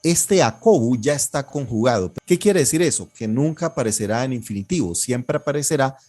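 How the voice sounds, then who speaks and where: A man leads an online Koine Greek lesson, his voice sitting at an ordinary pitch. He talks patiently and methodically, repeating words so students can follow and echo them. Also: expressive, a little fast, darkish tone. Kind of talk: online class, drilling pronunciation and explaining grammar.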